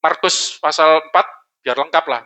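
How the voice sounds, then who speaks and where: A man preaching a lively, joking sermon in a church hall, often asking the congregation questions. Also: a little high, normal speed, smooth. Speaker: pastor.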